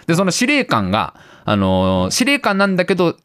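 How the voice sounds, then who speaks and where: Brief: animated man in his thirties, quick swooping delivery, dry close mic, acts out quotes. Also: on the high side, dry recording. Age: 30s. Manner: animated storyteller, acts out lines, laughs often. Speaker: radio show co-host. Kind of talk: casual chat retelling a film with acted quotes.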